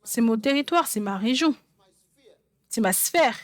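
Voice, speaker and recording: A woman's voice: a little high, expressive, measured pace, no echo. A woman preaching a sermon, emphatic and repeating phrases for stress. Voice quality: songwriter speaking of her own songs.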